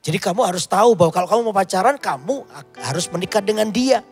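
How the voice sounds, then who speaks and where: High-pitched gravelly-voiced male pastor. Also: animated, quick pace, faint music behind. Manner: storytelling with quoted dialogue, emphatic rises. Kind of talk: sermon.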